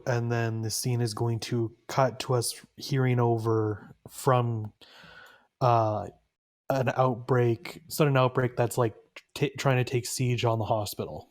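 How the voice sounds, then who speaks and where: A man's voice: mid-range voice, a little mellow. A young man narrating and framing scenes in a tabletop role-playing game, in a hesitant, laid-back way.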